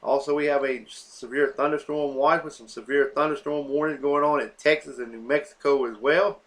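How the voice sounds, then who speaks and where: This is an unscripted weather map walkthrough by a man whose voice is a little high and a bit bright, brisk, with fairly even intonation. Listing place after place, he fills gaps with filler words and often corrects himself.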